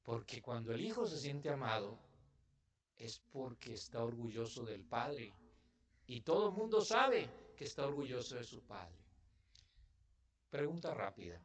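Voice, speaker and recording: A man's voice: medium pitch, big pitch swings, measured pace, long pauses. A man from Mexico preaching a sermon in church, talking to the congregation in a conversational way and putting questions to them. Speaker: pastor.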